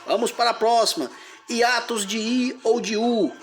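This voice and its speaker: A man's voice: very high voice, moderate pace, faint music behind. A man teaching a grammar lesson, explaining step by step and splitting words into syllables.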